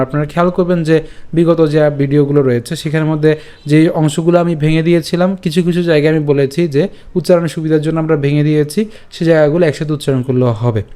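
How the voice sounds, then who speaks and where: A man, patiently teaching verse pronunciation and chanting lines slowly syllable by syllable. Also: fairly high pitch, mellow. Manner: slow syllable-by-syllable chanting demonstrations; patient, repeats and checks understanding. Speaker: Gita recitation teacher. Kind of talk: pronunciation tutorial.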